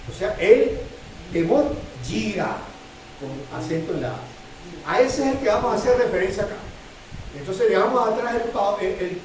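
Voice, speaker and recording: Middle-aged Chilean pastor, male, high mellow voice, halting repetitive sermon delivery, heard from afar in an echoey hall. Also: recorded from a distance, a little hiss or hum. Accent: Chilean Spanish. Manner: repetitive, stammering restarts, frequent "¿sí?" to congregation. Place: church hall.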